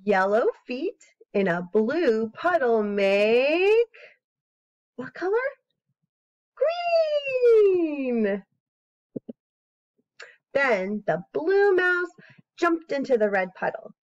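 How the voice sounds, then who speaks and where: A woman in her thirties, a story reader and educator for small children, speaks in a high voice, very slowly and with frequent pauses. Singsong and expressive, she encourages participation during an animated reading and casual craft session recorded on a slightly dull webcam.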